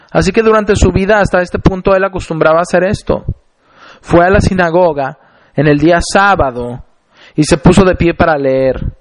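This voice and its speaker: A male preacher with a voice that sits a little high for a man, delivering a sermon. He reads scripture aloud and then explains it. He speaks deliberately and slows down to stress key phrases. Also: darkish tone.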